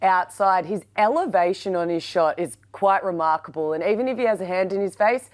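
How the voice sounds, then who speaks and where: A woman's voice: medium pitch, a little fast. An Australian woman co-hosting a sports show as a player, giving chatty analysis of plays.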